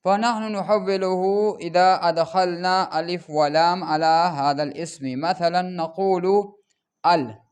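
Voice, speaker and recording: A man's voice: high voice, normal speed, smooth. A man teaching Arabic grammar, explaining patiently and repeating each example word several times while speaking straight to the viewers.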